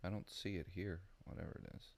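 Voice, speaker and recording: A man's voice: low voice, fairly even intonation, fairly quick, creaky, a little mellow. A man with a Southern American accent giving casual, rambling gameplay commentary, thinking aloud with lots of ums. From Southern United States. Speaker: gaming video creator.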